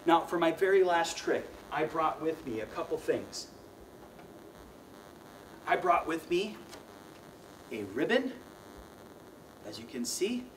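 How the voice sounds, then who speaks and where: A young man with a fairly high voice hosts a children's magic show, talking straight to the kids in a bouncy, playful way. He sounds set back from the mic, with a faint hiss of noise behind him. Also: very animated, slow, pauses often, far from the mic, rough recording. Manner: playful, mock-flustered showman addressing kids. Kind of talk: kids' magic show patter.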